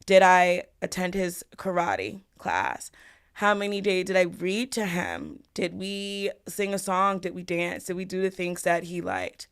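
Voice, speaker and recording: A woman from the Bahamas and Florida, a family law attorney appearing as a podcast guest, answers interview questions in a reflective, conversational way. Her voice is lowish and expressive, a little slow, with a clean tone.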